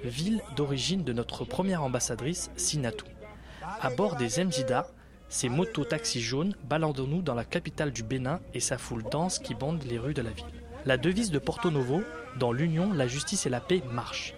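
A man's voice: mid-range voice, lively intonation, normal speed, over music. A man hosting a French radio talk show, friendly, guiding his guests and reading scripted travel narration.

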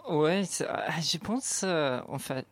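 A man's voice: fairly high pitch, animated, slow. Man speaking French. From Australia. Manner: short agreeing replies. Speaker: guest. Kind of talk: casual chat.

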